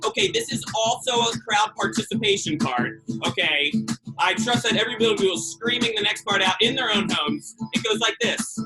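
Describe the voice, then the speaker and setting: A man's voice: sits high, very animated, brisk, poor audio. A man on a school video call, chatting playfully with children between sing-alongs, loose and rambling with lots of ums. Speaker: children's performer on a school visit. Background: his own acoustic guitar.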